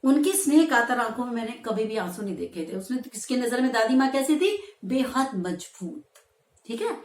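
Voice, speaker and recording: A woman's voice: a little high, big pitch swings, moderate pace. A woman teacher reading a textbook story aloud and explaining it in plain words, acting out quoted lines. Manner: reads passages, then explains in plain words; acts out quoted lines with raised voice. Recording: echoey room.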